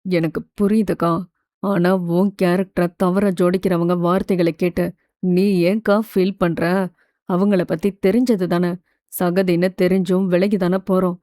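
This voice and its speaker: A woman's voice: lowish voice, level tone, normal speed, warm tone, dry recording, clean studio sound, pitched below the performer's own voice, lightly acted. A woman voicing a caring younger brother. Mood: reassuring. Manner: earnest, coaxing, reassuring. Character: young man, protective loving younger brother.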